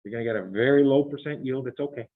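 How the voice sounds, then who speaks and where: A man's voice: medium pitch, racing. A man teaching a chemistry class, working problems aloud and quizzing his students in a chatty, thinking-aloud way. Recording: tinny phone-like classroom recording.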